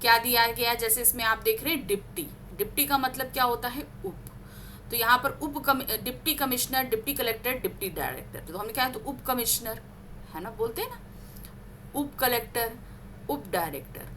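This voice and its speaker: Bright-voiced woman teaching grammar. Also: on the high side, slight background noise. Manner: slow, stressed word-by-word examples, asks and answers her own questions. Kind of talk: classroom lesson reading word examples aloud.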